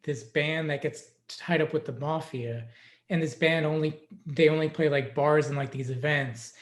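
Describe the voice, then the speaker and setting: A man co-hosting a podcast, chatting casually with frequent laughs and halting restarts. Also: a little high, fairly even intonation. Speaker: podcast co-host. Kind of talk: casual chat.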